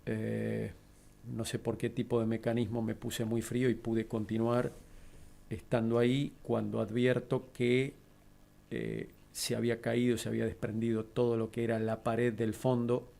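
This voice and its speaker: A middle-aged man with an Argentine accent, a guest in an interview, calmly recounting a personal tragedy. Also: medium pitch, gravelly. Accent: Argentine Spanish. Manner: measured, steady, composed.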